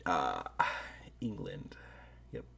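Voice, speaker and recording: Deep husky man musing casually. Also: huge pitch swings, very slow, fairly bright tone. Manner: rambling, hedging, frequent "right?" tags. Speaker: strategy game commentator. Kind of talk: casual video commentary.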